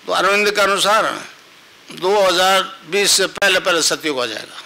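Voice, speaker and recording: Older guru, high bright voice. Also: male voice, moderate pace, vocal fry, poor audio. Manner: instructive, repeats mantras, asks listeners if they understood. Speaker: spiritual guru. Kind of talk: spiritual discourse to a gathering.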